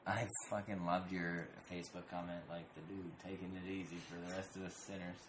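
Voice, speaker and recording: A man co-hosting a podcast, telling stories in casual chat, swearing a lot and acting out animated impressions. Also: deep voice, fairly quick. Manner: profane storytelling, animated impressions. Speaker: podcast co-host. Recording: roomy echo with clear background noise.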